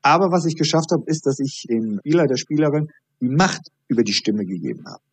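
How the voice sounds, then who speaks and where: A man, a high performance coach, talking as a podcast guest and acting out dialogue while he tells stories. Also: a little fast, husky, dry recording. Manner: animated storytelling, acting out dialogue.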